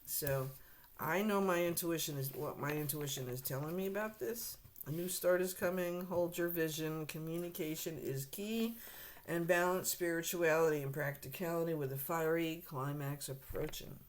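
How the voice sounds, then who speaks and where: With a low-pitched, hoarse voice she's starting to lose, a tarot reader does a casual reading to camera at a moderate pace, often clearing her throat. She speaks bluntly and directly to the viewer, with slight noise in the background.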